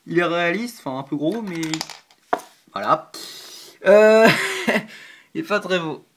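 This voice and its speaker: A man talks through his handmade models in a casual vlog, halting and chatty, with fillers tumbling between phrases. He sounds self-deprecating, apologizing as he handles things near the camera. The recording is a simple camera mic in a room at home, with a faint hiss behind. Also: fairly high pitch, fairly bright tone. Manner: hesitant and chatty, frequent 'euh', 'hop' and 'voilà' while handling pieces. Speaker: LEGO builder showing his models. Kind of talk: casual show-and-tell vlog.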